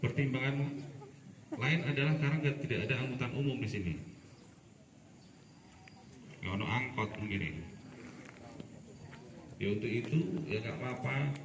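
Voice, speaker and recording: A man's voice: medium pitch, moderate pace, pauses often. A man firmly lecturing and correcting students at a school assembly, with casual asides. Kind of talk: lecturing, giving instructions. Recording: echoey, far from the mic, noisy.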